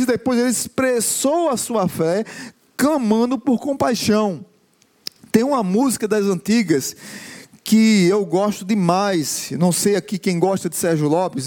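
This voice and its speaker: A man preaching a sermon to a congregation, building slow emphatic lists of repeated phrases and sometimes breaking into song. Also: high-pitched, darkish tone.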